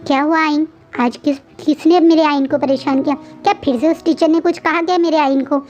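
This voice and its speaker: Woman voicing a gentle, soft-spoken young man. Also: extremely high pitch, normal speed, muffled recording, faint music behind. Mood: gentle, coaxing.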